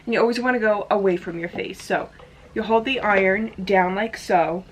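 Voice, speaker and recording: Woman vlogger, mid-range voice, relaxed and chatty, lots of "like", talking to a camera at home. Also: medium pitch, moderate pace, slight background noise. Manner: chatty, with frequent "like" fillers. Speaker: hair tutorial vlogger. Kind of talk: casual step-by-step demonstration. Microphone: camera in front of her.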